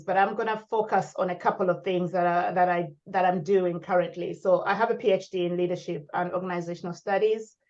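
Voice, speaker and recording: A woman from Zambia, a guest at a panel discussion on leadership, introducing herself in a measured way. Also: lowish voice, a little mellow, highs cut off. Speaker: guest speaker, leadership lecturer.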